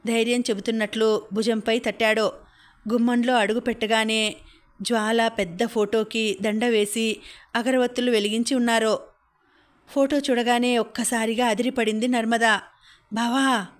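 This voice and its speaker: A woman's voice: on the high side, level tone, moderate pace. A woman narrating a novel as an audiobook, reading steadily and evenly. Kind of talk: scripted story narration.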